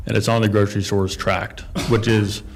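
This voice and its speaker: A man's voice: fairly low pitch, level tone, moderate pace, gravelly, slight background noise. A man presenting as a developer at a town council meeting, talking casually with many fillers and restarts.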